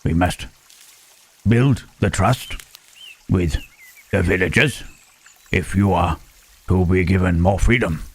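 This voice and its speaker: A man playing a gentle, lonely male monster in an ASMR roleplay, speaking haltingly and formally in a husky voice. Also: sits low, exaggerated voice. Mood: gentle, warm. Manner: halting, formal speech without contractions, trailing "huh?". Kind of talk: ASMR roleplay, intimate scripted monologue to listener.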